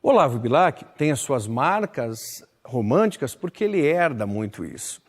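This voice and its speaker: A man's voice: medium pitch, sing-song, moderate pace, husky, faint music behind. A man teaching a literature lesson, explaining verse and addressing the listener directly with emphatic stresses. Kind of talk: recorded lesson. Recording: long hall reverb.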